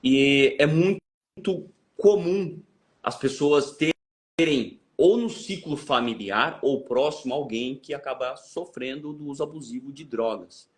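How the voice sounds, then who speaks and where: A man's voice: mid-range voice, measured pace. A man with a Brazilian Portuguese accent, hosting a podcast and reasoning aloud in a thoughtful, hesitant way. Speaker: podcast host. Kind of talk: reflective interview talk.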